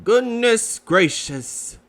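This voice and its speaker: A man's voice: very high-pitched, lively intonation, extremely slow, fairly bright tone, pitched above the performer's own voice, heavily acted. A man voicing a fussy, knowing, matter-of-fact rabbit in a children's storybook. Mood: instructive.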